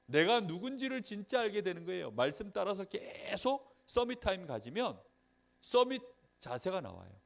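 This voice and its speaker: A man's voice: sits high, normal speed, vocal fry. A man giving a sermon to a children's Sunday school class, asking the children questions and checking that they follow. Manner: lively storyteller, acts out little scenes.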